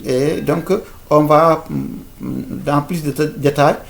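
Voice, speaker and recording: A man's voice: on the high side, fairly even intonation, slow pace, vocal fry. A man teaching an informal video lesson, hesitant, with many fillers, restarts and repeated words. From Africa.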